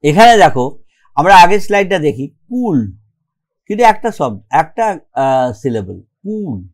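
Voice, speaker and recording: A man's voice: high-pitched, big pitch swings, moderate pace. A man with a Bengali accent teaching a grammar lesson, explaining step by step and often checking with "okay?". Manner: mixes English terms into his explanations.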